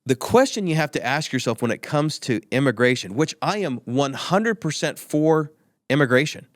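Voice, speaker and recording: A man's voice: on the high side, expressive, normal speed, no echo, clean studio sound. A man speaking as a guest on an interview podcast, arguing his points emphatically and often repeating himself. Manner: emphatic, repetitive, argumentative. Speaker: guest, tech company executive. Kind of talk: opinionated interview talk.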